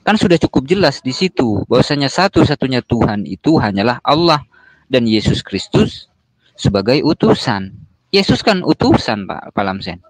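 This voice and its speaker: Male debater, calm and explanatory, mid-pitched, dry close sound. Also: moderate pace, no room sound. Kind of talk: online religious debate.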